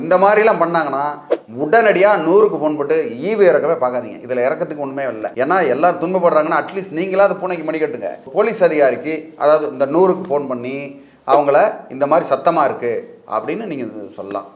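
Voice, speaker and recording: Answering questions as a guest legal expert, a man with a Tamil Nadu accent gives informal, emphatic, colloquial advice, mixing in English words. His voice is a little high, animated and quick. The room is echoey and reverberant.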